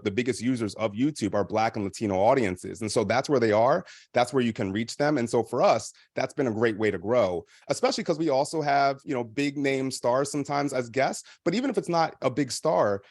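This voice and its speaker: A man's voice: medium pitch, dry recording, studio quality. A man, the founder of a podcast company, speaking on a panel and explaining practical tips at length with frequent fillers. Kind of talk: panel discussion advice.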